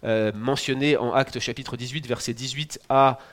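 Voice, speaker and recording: A French-accented male pastor in his forties preaches a sermon. He talks to the congregation in a relaxed, conversational way, teaching with humorous asides. His voice sits at an ordinary middle pitch. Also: normal speed. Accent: French (France). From France. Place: church in Quebec.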